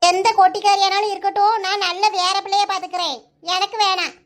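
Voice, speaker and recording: Cartoon mom, Kanyakumari Tamil accent, wailing and stubborn, very high voice. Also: female voice, little pitch movement, fast. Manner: wailing, lamenting, repeats phrases. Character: grieving middle-aged village mother, stubborn and bossy. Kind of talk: animated cartoon dialogue.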